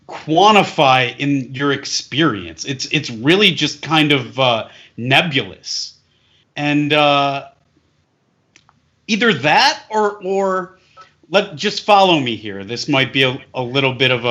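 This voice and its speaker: A man guest musing slowly and building up a joke in casual chat. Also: fairly high pitch, bright, forceful tone.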